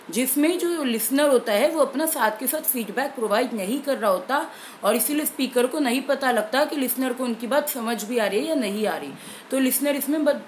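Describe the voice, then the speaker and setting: Higher-voiced woman teaching a lesson. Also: a little hiss or hum, poor audio. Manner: clear, steady explaining with slowed emphasis on key terms. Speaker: exam prep teacher. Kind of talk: explanatory lesson in Hindi with English terms.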